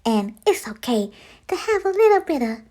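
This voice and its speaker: With a high, mellow voice and moderate pace, a story-time host gives small children an animated, sing-song read-aloud of a story.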